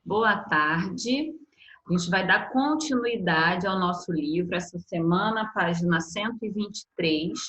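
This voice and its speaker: Woman, teacher, online class, patient explaining, bright clear voice. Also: on the low side, unhurried, rough recording. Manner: explanatory, with frequent "tá?" check-ins.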